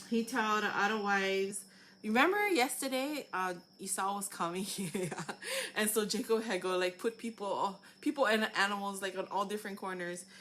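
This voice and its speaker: A woman with a Hawaiian Pidgin accent, talking and reading Bible stories aloud in an informal, halting way. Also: medium pitch, a bit bright, a little hiss or hum, poor audio.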